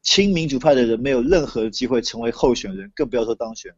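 A man's voice: medium pitch, lively intonation, quick pace, husky, no room sound. A man from Taiwan with a Taiwanese Mandarin accent explains things conversationally as an interview guest over a remote call. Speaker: interview guest, political commentator. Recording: dull lo-fi remote call audio.

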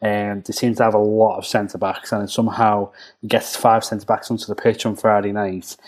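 A man's voice: lowish voice, level tone, brisk. A man with a Scouse accent giving football analysis on a podcast, thinking aloud with frequent restarts. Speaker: football pundit. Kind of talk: casual podcast chat.

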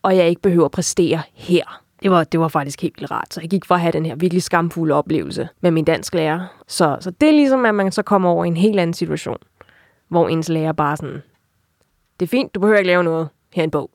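A woman's voice: lowish voice, darkish tone, dry recording, studio quality. A young adult woman giving a candid, reflective personal account in an interview, with frequent filler tags.

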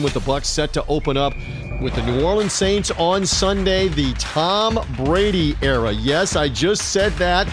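A middle-aged man hosting a sports podcast alone, with a smooth broadcaster delivery and occasional fillers. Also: a little high. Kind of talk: solo podcast monologue.

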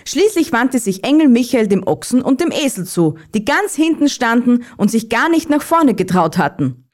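A woman narrating a Christmas children's story in a calm, even reading voice. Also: on the high side, moderate pace.

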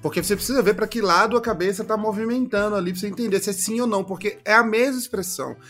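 A man's voice: high voice, very fast, soft background music. A man, a comedian guest, chatting casually and playfully acting out ways of speaking. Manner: animated, jokey, demonstrates intonation. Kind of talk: casual chat.

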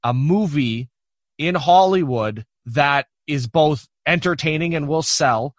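A man's voice: fairly high pitch, slow, no echo, clean studio sound. A man hosting a podcast in a casual, conversational interview style. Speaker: podcast host.

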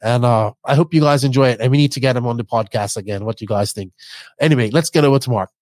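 A man with a softened Bermudian accent hosting a podcast, reminiscing casually in a rambling way and correcting himself as he goes. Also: medium pitch, fast talker, dry recording. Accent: Bermudian, toned down. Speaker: podcast host.

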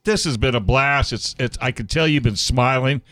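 A man's voice: medium pitch, normal speed, a bit bright. A man hosting a radio talk show, chatting casually and reading sponsor spots.

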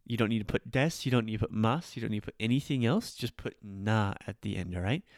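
Speaking quickly in a fairly low voice, a podcast teacher gives a casual, informal grammar lesson, illustrating points with acted-out examples. His Japanese carries rolled R's. The studio-quality recording has no room sound.

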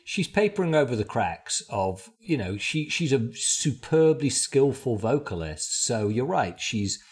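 A man's voice: medium pitch, big pitch swings, a little slow, slightly rough. A man with a Manchester accent chatting casually about music, joking and teasing and laughing often. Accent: Mancunian English. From England.

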